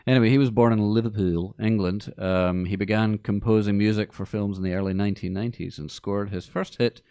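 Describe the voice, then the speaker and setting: A man's voice: fairly low pitch, fairly even intonation, brisk, mellow, clean tone, dry recording. A man hosting a film podcast in a studio, chatting in a jokey, rambling way with many fillers. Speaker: podcast host. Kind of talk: casual chat about film music.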